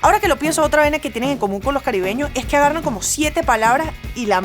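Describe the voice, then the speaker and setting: Young woman, comic monologue, bright lively voice, quick impressions. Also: high-pitched, soft background music. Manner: animated, switching into exaggerated English accents. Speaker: comedian host.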